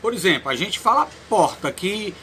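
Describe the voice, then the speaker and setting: A man with a Cearense Brazilian accent teaching a Portuguese lesson, explaining slowly and checking in with "né?" after nearly every phrase. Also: sits high, sing-song, sharp tone, a little hiss or hum. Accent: Ceará, Brazil. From Ceará, Brazil. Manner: explains slowly, tags lines with "né?", repeats words. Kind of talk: recorded online lesson.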